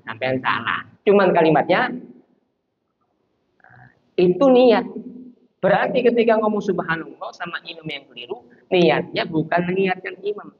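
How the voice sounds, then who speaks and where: A man giving a lively lecture on Islamic law in a mosque, acting out small scenes. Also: high-pitched, highs cut off. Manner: animated, acts out little scenes and chants to show intonation. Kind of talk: conversational religious lecture. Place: mosque hall.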